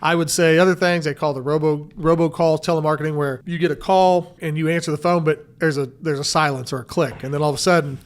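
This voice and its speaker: A man with a fairly high speaking voice talks through warnings in an easy, conversational way. He sounds earnest and cautionary, a financial advisor who keeps circling back to the same points. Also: fairly even intonation, fast talker, few pauses. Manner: earnest, cautionary, repeats "again" often. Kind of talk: casual advice chat.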